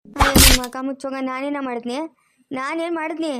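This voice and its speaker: Cartoon grandma over 60 voiced by a woman, rural Chikkaballapur Kannada accent, fast and high, scolds, repeats curses. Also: steady tone, heavy background noise, natural voice. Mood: aggrieved. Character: quarrelsome old grandmother, cursing and self-pitying. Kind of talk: cartoon voice acting.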